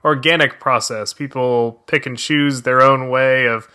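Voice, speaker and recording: A man speaks as a podcast host in a conversational style. His voice sits at an average pitch and has a bright, crisp edge. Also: fairly even intonation, unhurried. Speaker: podcast host, social media strategist. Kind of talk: podcast talk on marketing.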